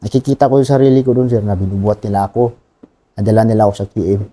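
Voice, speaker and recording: Soft-spoken Filipino soldier, very dark tone. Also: male voice, on the low side. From Philippines. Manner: plain and halting, often adds a polite "sir". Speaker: wounded soldier, interview guest. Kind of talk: personal war story in an interview.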